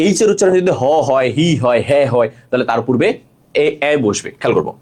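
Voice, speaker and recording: A young man from Bangladesh teaching English grammar in a live online class, explaining slowly and repeating key points as he asks and answers his own questions. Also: medium pitch, expressive, a little mellow, breathy edge. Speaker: English tutor.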